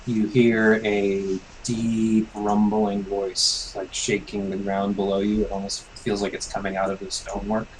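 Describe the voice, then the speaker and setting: A man acting as game master, narrating a tabletop game in a measured way with pauses between phrases. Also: fairly low pitch, monotone, a little hiss or hum, rough recording.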